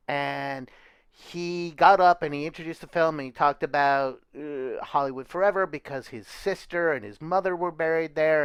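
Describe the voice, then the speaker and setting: Male podcast co-host, smooth clear voice, fairly high, dry close recording, rambling casual delivery. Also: fairly bright tone, no room sound. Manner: rambling anecdotes, trailing off. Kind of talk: casual chat.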